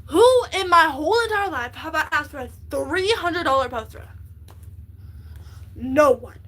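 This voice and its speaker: A woman with a high, bright voice chats on a livestream. Her stories tumble out in an excitable, rambling rush, full of restarts and asides. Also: measured pace, low-quality recording. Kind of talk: casual livestream chat.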